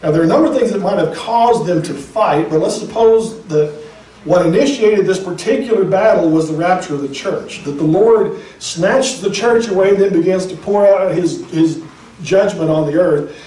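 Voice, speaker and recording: A pastor giving a sermon with emphatic, conversational preaching and speculative asides. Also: male voice, high-pitched, moderate pace, mellow, reverberant, far from the mic, low-quality recording.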